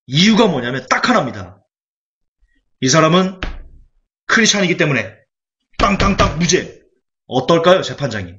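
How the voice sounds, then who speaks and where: A male evangelist preaching a sermon, animated and full of rhetorical questions to the congregation. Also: a little high. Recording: dull lo-fi recording.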